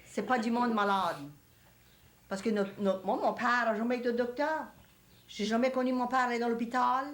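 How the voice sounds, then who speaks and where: A woman's voice: fairly high pitch, fairly even intonation, moderate pace. An older woman from Louisiana with a Cajun French accent, chatting casually and repeating points for emphasis. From Louisiana, USA. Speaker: interviewee in family group. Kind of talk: casual oral-history conversation.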